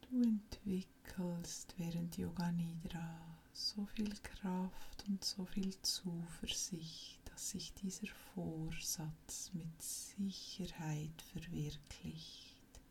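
A woman guides a yoga nidra meditation as the instructor, speaking softly and calmly in a breathy near-whisper. Her voice is lowish and soothing, with long pauses between short phrases.

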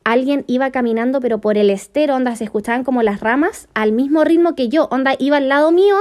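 A woman's voice: sits high, fast, darkish tone. A woman with a Chilean accent telling a story in casual chat, full of slang and swearing.

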